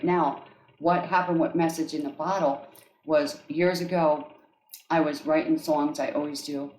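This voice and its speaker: An energy healer with an accent describes guided healing tracks, speaking gently in a low voice and frequently checking in with her listeners. The room she records in is echoey.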